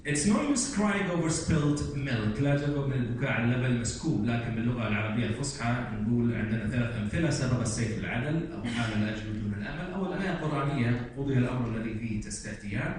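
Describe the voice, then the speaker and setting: A man's voice: mid-range voice, very fast, few pauses, a little mellow. A man with a Kuwaiti Arabic accent presenting at an academic conference, explaining and reciting example after example, recorded from a distance in a large hall. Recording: echoey hall, distant mic, faint room noise.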